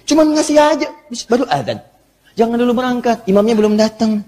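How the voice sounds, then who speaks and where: In a large mosque hall, a high-voiced ustaz preaches an Islamic sermon with playful, animated energy, teasing his audience with humor. His slightly quick speech rings out with long reverb.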